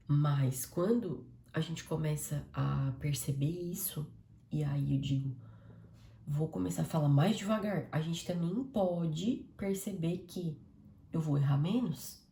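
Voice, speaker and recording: A woman giving a casual devotional talk on a live stream, talking fast and speaking straight to her listeners. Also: low-pitched, roomy sound. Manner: fast, warm-hearted, conversational, addresses audience as "gente".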